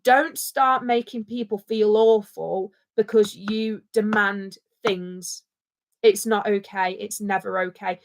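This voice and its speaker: A woman co-hosts a casual livestream chat, speaking passionately and repeating her points for emphasis. Her mid-range voice keeps a steady tone at a slow pace.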